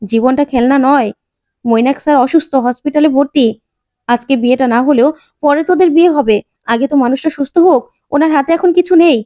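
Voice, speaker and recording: Woman as a calm, reasoning elder sister. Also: high voice, brisk, no echo, studio quality, close to an everyday voice. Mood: pleading.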